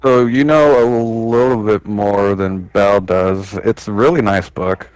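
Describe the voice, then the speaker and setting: Unhurried, low-voiced male game master. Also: smooth, dry recording, low-quality recording. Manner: relaxed, unhurried narration with fillers. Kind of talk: running a tabletop game.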